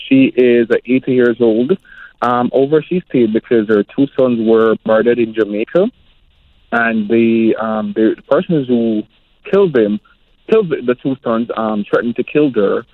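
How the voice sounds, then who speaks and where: A man's voice: medium pitch, normal speed, dry recording. A man calling in to a radio host over a bad phone connection, repeatedly asking whether he can be heard. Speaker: caller. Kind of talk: call-in question to a radio host. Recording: tinny, dry phone line.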